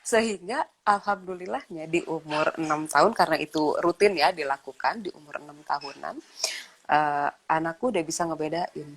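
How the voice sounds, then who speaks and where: Low-voiced mother explaining calmly. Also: moderate pace. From Indonesia. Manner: acts out quoted dialogue with her children. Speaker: guest speaker. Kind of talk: casual chat.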